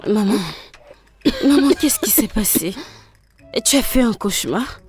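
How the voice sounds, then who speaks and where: An anxious, pleading young daughter in a dubbed film. Her voice sits high and moves a lot. Soft music runs underneath. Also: lively intonation, unhurried. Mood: worried. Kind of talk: French film dub.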